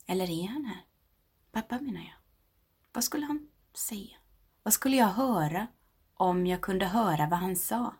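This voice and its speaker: A woman in her thirties reading a personal meditation aloud, slow and intimate, often sinking toward a whisper. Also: mid-range voice, a little mellow, husky. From Sweden. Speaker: narrator.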